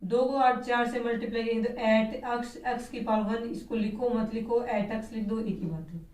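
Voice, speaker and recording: A woman's voice: a little high, steady tone, normal speed, a little mellow, far from the mic. Teacher woman, echoey room. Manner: explains step by step and asks rhetorical questions. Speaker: chemistry teacher. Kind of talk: classroom lecture.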